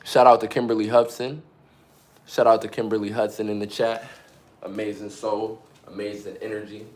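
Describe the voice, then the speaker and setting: Upbeat young man with a low voice. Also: level tone, normal speed, a little mellow. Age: 20s. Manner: upbeat, hyped, slangy and motivational. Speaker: livestreamer. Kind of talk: casual live-stream chat. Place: at home during a workout.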